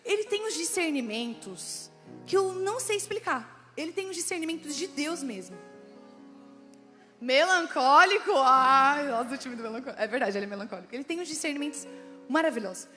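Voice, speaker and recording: A woman with a Brazilian Portuguese accent preaching to a women's church audience, chatty and animated, speaking straight to the crowd. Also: sits high, brisk, big-room sound, soft background music. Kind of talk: lively church talk to women.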